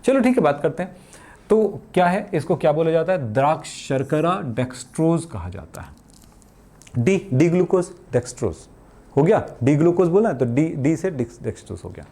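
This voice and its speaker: A man's voice: on the high side, very animated, moderate pace, warm tone. Chatty man teaching chemistry. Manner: explains with everyday examples, asks and answers his own questions; colloquial, calls students beta, jokes. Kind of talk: chatty classroom lecture.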